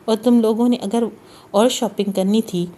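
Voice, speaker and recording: A woman's voice: fairly high pitch, fairly even intonation, close to an everyday voice. A woman reading the part of a stern, jealous young husband in an audiobook, commanding and harsh. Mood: questioning. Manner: commanding and harsh, then softening.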